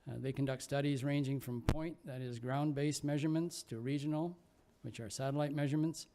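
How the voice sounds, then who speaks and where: A man chairing a session, introducing the next speaker in a formal, measured way. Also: mid-range voice, steady tone, dark tone, slight background noise.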